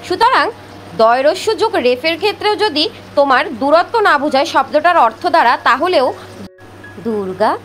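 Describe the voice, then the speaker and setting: A woman's voice: high voice, lively intonation, fairly quick, a bit bright, faint music behind, rough recording. A woman teacher explaining spelling rules step by step, reading out lists of examples and checking that her students follow. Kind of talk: spoken grammar lesson.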